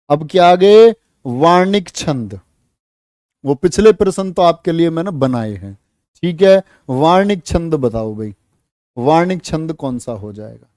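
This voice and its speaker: High-voiced Hindi teacher coaxing pupils. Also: male voice, darkish tone, dry recording, studio quality. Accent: North Indian Hindi. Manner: coaxing, asks pupils questions and answers them himself; counts syllables aloud slowly. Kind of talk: classroom lecture.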